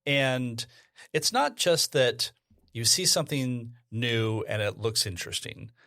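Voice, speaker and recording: A man's voice: medium pitch, lively intonation, unhurried, sharp tone, dry recording, clean studio sound. A man co-hosting a podcast in casual chat, jokey and self-mocking, laughing often. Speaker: podcast co-host.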